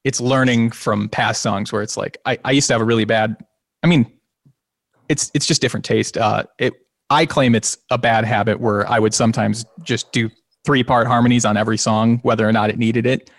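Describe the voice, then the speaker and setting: In a relaxed interview, a slightly nasal man who sings and plays guitar in a band talks fairly quickly at a medium pitch, wandering off and restarting sentences with small laughs. The studio-quality recording is dry.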